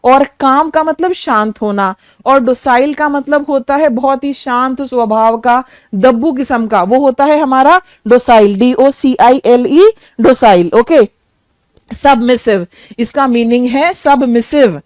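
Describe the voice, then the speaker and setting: A woman's voice: sits high, measured pace, no room sound, studio quality. A woman with an Indian accent teaching English vocabulary for an exam, explaining meanings and spelling words out letter by letter. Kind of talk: exam-prep lesson.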